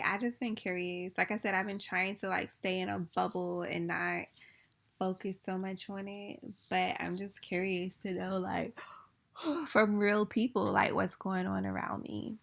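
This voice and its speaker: A chatty woman vlogging straight to her viewers, rambling and filling gaps with little asides. Her voice is bright and edgy with a gravelly fry running through it. She sounds a bit sleepy and loose. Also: lowish voice. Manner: chatty, rambling, many "like" fillers. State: sleepy after wine. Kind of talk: casual chat to viewers.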